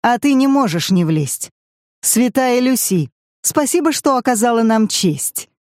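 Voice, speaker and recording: A man's voice: extremely high pitch, lively intonation, a little slow, no room sound, voice pushed up. A sarcastic, tipsy man needles his family with spiteful jokes, as an audiobook reader puts him on. His voice sits above the narrator's and is dry and close, with no room around it. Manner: mocking, bitter jabs. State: drunk. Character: drunk middle-aged man, sarcastic and spiteful host.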